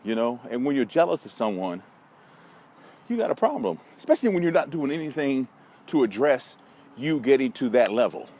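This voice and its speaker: Strolling through a park, this vlogger and social media marketing consultant chats bluntly with listeners, his American voice medium-pitched, sing-song, brisk and darkish. He rambles with wry, folksy asides. Passing vehicles and city noise fill the outdoor walking recording.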